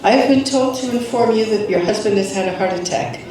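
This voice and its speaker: A reader voicing a young female secretary making a formal phone call, pitched well above the reader's own voice. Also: a little fast, a little mellow, a little hiss or hum, close to an everyday voice. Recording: echoey hall, distant mic.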